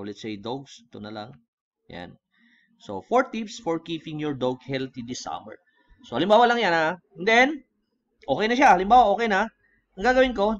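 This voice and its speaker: A man with a Filipino accent talking through a software tutorial in a casual way, switching between Tagalog and English and often checking in with the viewer. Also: high voice, muffled recording. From Philippines. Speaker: online tutorial host. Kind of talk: screen-recorded software tutorial.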